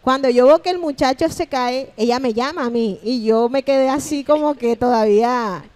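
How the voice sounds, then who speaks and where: A woman's voice: sits high, normal speed. A woman pastor giving her personal testimony as a podcast guest, telling it animatedly and acting out the things people said to her. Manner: animated storytelling, acting out remembered dialogue.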